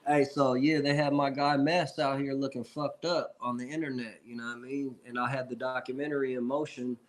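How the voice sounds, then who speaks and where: A man's voice: mid-range voice, level tone, brisk, rough recording. A man in his forties from Seattle, a rapper telling long rambling stories in casual chat, often adding "you know what I'm saying". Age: 40s. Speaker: rapper guest. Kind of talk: casual storytelling.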